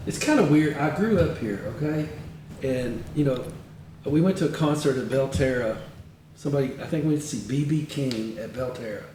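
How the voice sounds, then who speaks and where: A man's voice: medium pitch, normal speed. Rambling older man in echoey room. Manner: rambling anecdotal storyteller, animated. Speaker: guest, retired county attorney. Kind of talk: casual interview chat. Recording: echoey room, distant mic, faint noise.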